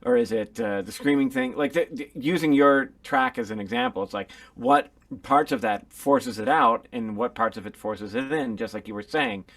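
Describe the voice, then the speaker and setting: Casting: male podcast co-host, heavy gravelly fry, lively up-and-down pitch, halting musing delivery. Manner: musing, halting, puts on quick voices to mimic others. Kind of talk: casual chat.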